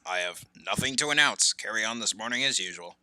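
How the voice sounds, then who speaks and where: A man's voice: on the low side, expressive, a little fast, pushed and bright, no room sound. A man voicing a male announcer reading a formal announcement. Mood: announcing. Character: male announcer over a loudspeaker.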